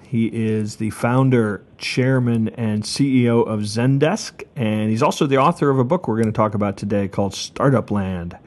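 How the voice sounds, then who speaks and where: A man's voice: medium pitch, darkish tone. A man hosting a podcast interview, chatting casually, laughing often and stumbling over his words. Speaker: podcast host.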